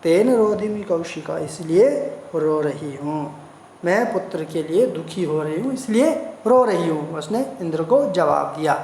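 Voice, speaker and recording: A Sanskrit teacher reading a text line by line, glossing each word slowly and repeating the meanings, in a roomy recording with a faint hiss. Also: mid-range voice, animated, a little mellow. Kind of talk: line-by-line translation lesson. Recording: roomy echo, faint noise.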